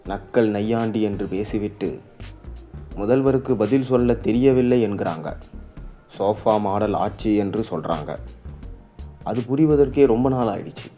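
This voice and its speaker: A man reading the news, relaying a political speech in a steady, even voice. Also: fairly low pitch. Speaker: news reader. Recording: dull lo-fi audio with faint music.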